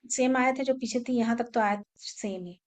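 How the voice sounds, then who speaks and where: A woman teaching an online Quran memorization class, giving brisk instructions, checking in often with her students, and slowing down to recite verses. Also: a little high, darkish tone. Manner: switches between brisk instructions and slow, drawn-out recitation of verses; checks in often with the class, repeating short questions.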